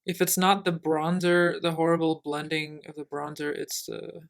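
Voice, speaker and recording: A woman's voice: sits low, little pitch movement, normal speed, gravelly. A young woman in her twenties, co-hosting a podcast in casual chat, rambling with many fillers and laughing, a little tipsy. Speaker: podcast co-host.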